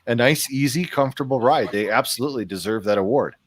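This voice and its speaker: A man co-hosting a casual car podcast, telling stories with animated quoted voices. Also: medium pitch, quick pace, a little hiss or hum. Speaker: podcast co-host.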